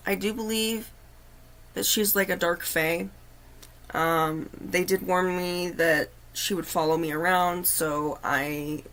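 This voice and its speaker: A woman hosting a livestream, telling a personal story in an earnest, halting, confiding way. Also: lowish voice, a bit bright. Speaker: livestream host. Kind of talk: casual storytelling.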